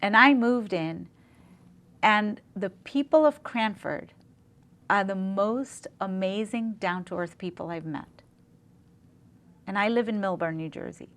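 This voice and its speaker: A middle-aged woman from Zambia, a dentist, talking in a casual interview with eager, warm storytelling and frequent fillers. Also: mid-range voice, slow, pauses often.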